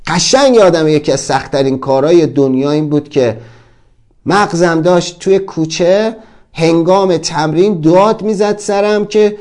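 Male motivational speaker with a slightly high voice, emphatic, acts out little scenes. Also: darkish tone. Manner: acts out dialogue, shifts voices dramatically. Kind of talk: emphatic self-help monologue.

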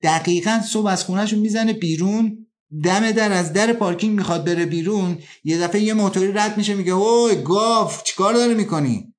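A man with a fairly high voice gives an earnest self-help talk. He slows down on key ideas and rushes through little scenes from daily life. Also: fairly even intonation. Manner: earnest, acts out everyday scenes in quick bursts. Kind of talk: motivational talk.

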